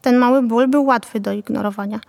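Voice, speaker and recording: A woman narrating a novel in a calm, even storytelling manner. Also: a little high, a little fast, gravelly, in a large hall. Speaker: audiobook narrator.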